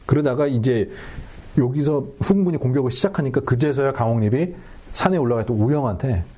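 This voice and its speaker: A man, a history researcher, explaining informally as an expert guest with a husky voice. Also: mid-range voice, dark tone.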